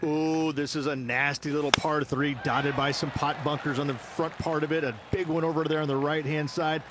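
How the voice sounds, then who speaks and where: A man's voice: fairly high pitch, flat delivery, moderate pace, lightly acted. A man voicing an enthusiastic golf commentator who gives descriptive analysis. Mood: enthusiastic, explanatory. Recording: clear outdoor background noise.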